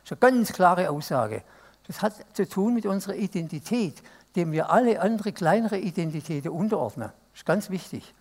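Pastor, somewhat high voice. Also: male voice, animated, fairly quick. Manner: questioning, invites the congregation to answer aloud. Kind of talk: interactive sermon. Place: church service.

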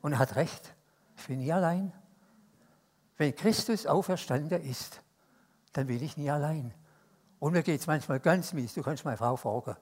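A Swiss man with a Swiss German accent preaching a sermon, telling stories that swing between loud emphasis and hushed asides. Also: on the high side, moderate pace, long pauses, slightly rough. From Switzerland.

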